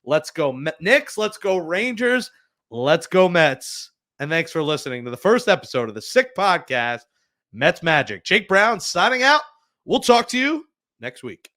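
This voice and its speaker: A very animated podcast host with a high, sharp-toned voice speaks at a measured pace on his laid-back sports show. He cracks jokes and mocks himself for mangling foreign words.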